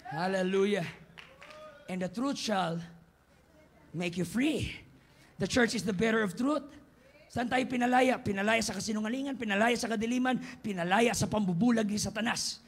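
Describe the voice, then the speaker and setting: A Filipino man preaching a fervent sermon in a church, often rising to shouted exhortation. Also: sits high, normal speed, husky. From Philippines.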